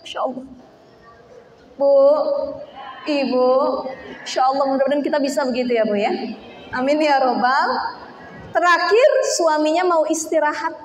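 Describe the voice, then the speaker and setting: High-voiced woman preaching in an echoey hall. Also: normal speed, long pauses, slight background noise. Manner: chatty, animated storytelling with acted quotes. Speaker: female preacher. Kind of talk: sermon to a women's gathering.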